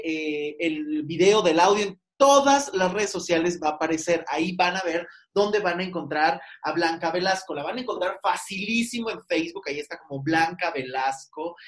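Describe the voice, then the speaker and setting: A man's voice: sits high, a bit bright. A man with a Mexican accent hosting a podcast interview, talking in a chatty, rambling way and laughing often. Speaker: podcast host. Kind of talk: casual interview chat.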